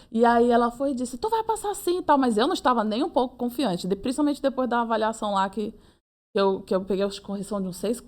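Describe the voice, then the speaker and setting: This is a young woman being interviewed. She tells her story in a casual, lively way. She keeps slipping into acted-out quotes of her own and other people's words. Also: on the high side. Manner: animated, acts out her own and others' lines in quick reported speech. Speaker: interviewee, approved medical student.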